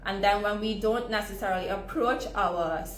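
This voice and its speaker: A woman's voice: mid-range voice, moderate pace. A woman from Trinidad and Tobago with a Trinidadian accent, teaching a live online session on skincare for hair removal in a conversational way, often ending points with "right?". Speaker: sugaring educator. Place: home at evening, live stream. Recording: roomy echo, faint background noise.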